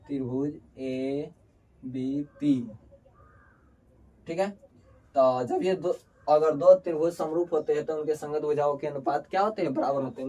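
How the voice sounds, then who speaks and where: Speaking colloquially and addressing students as "babu," a Bihari man runs through a board-exam lesson by asking questions and then answering them himself. His voice sits on the high side with a darkish tone, captured by a distant mic over faint background noise.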